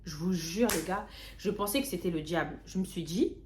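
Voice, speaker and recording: A young woman vlogger casually telling a story, slangy and lively, often repeating words. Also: on the low side, a little fast, slight background noise. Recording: roomy echo.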